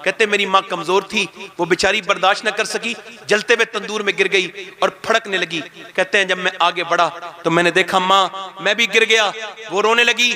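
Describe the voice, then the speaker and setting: A man's voice: high voice, steady tone, normal speed, bright, forceful tone. A male preacher giving a sermon, telling a story in an emotional, dramatic way.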